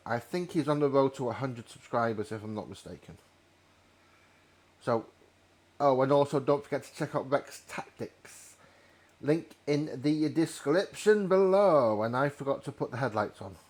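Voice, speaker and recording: A man's voice: medium pitch, animated, moderate pace, darkish tone. Rambling man chatting while gaming. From North Wales. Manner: rambling, self-correcting storyteller. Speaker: gamer playing a train simulator. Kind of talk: casual gameplay commentary.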